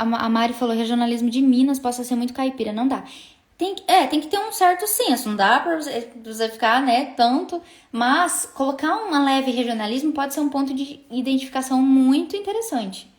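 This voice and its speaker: A woman's voice: high-pitched, echoey room. A Brazilian woman coaching singers in a casual live stream, chatty, full of tag questions and restarts. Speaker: singing business coach.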